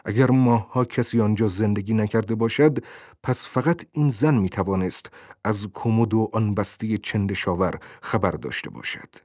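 A male audiobook narrator with a fairly low voice, telling the story in a steady, measured way. The recording is dry and close to the mic, with no room sound. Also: no room sound. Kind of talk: scripted narration.

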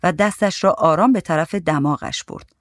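A narrator reading a short story aloud in a calm, even literary manner. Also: medium pitch, dry recording, studio quality.

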